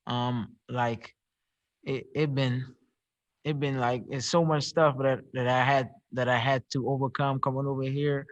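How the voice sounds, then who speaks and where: Halting Barbadian man on a video call. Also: mid-range voice, level tone, no room sound. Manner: halting, repeats words as he searches for them. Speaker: professional boxer. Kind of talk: press call interview answers. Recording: dry, slightly dull video-call audio.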